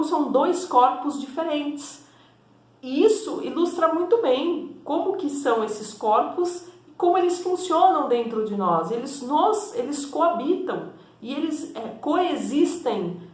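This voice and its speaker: A woman's voice: high voice, a little mellow. A woman therapist giving a conversational, explanatory teaching talk, often checking in with tag questions. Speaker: energy and spiritual therapist. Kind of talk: teaching monologue to camera. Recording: echoey room.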